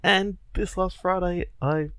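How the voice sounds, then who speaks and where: Man in his 30s, co-host, low gravelly voice, dry close sound, chatty storyteller. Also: steady tone, a little slow, fairly bright tone, dry recording. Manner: chatty storyteller, laughs at himself. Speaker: podcast co-host. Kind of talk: casual chat.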